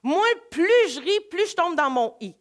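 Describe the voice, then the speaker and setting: High-voiced Québécois woman leading a workshop. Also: normal speed. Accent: Québécois French. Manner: energetic, coaxing. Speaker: laughter workshop leader. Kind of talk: live workshop talk to an audience.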